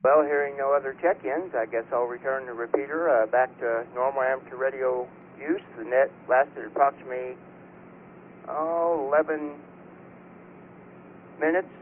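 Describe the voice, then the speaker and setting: A man working as net control on an amateur radio net, calling for check-ins in casual procedural talk over two-way radio with static. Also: medium pitch. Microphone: radio microphone over repeater. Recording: narrow, static-laced ham radio transmission.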